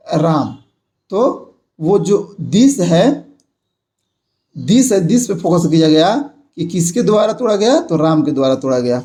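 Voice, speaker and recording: A young male grammar teacher explains a lesson in a high-pitched, warm voice. He repeats his points and checks in with his viewers.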